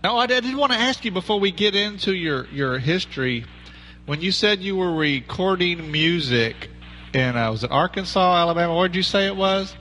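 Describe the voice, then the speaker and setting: Bright-voiced Texan man hosting. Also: sits high, animated, normal speed, a little hiss or hum, poor audio. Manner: folksy and jokey. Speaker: podcast host. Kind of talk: casual interview chat.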